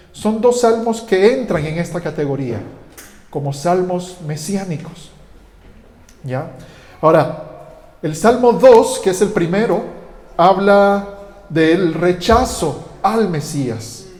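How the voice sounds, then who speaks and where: A man's voice: sits high, darkish tone. A man from Guatemala, a pastor, giving a conversational sermon with frequent fillers and restarts. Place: church hall. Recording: echoey church hall with long reverb.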